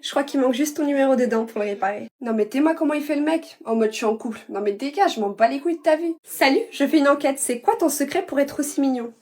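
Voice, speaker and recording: A woman's voice: high-pitched, quick pace, few pauses, darkish tone. A woman performing comedy sketches, trading brash slangy retorts as every character.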